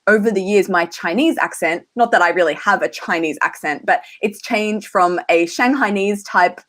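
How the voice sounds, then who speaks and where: A woman's voice: mid-range voice, moderate pace, fairly bright tone. A woman with an Australian accent hosting a casual livestream chat, talking with lots of "like" fillers. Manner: chatty, many "like" fillers. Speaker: host.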